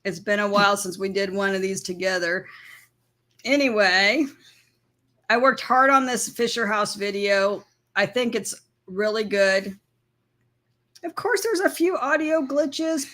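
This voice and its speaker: A woman with a somewhat high voice hosts a relaxed livestream from a van. She chats easily with her viewers and often breaks into giggles. Her talk is loose, friendly and informal. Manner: giggly, chatty, laughs often. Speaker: livestream co-host. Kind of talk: casual livestream chat.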